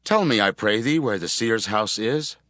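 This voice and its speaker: A man's voice: fairly low pitch, lively intonation, normal speed, a bit bright, no room sound, clean studio sound. An actor playing a humble, puzzled young man in dramatized scripture, earnest and questioning. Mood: polite, inquiring.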